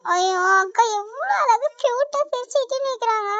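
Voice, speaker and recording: A woman voicing an excitable younger sister in a cartoon who calls out eagerly and noisily. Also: extremely high pitch, brisk, no echo, dull audio. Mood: excited. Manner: excited, shouting.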